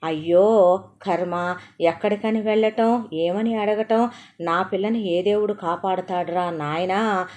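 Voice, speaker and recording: A woman's voice: on the low side, moderate pace, darkish tone, lightly acted. A woman voicing a frantic middle-aged mother who wails and pleads over her missing daughter. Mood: frantic, wailing. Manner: wailing, pleading.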